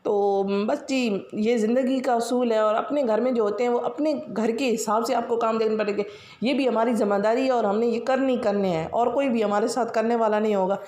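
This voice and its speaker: This Pakistani vlogger's voice sits on the high side, darkish and steady, and she talks a little fast in an echoey room. With a Pakistani Punjabi accent and a sore, scratchy throat, she chats casually about her household routine. She rambles with many fillers in a casual daily-routine voice-over.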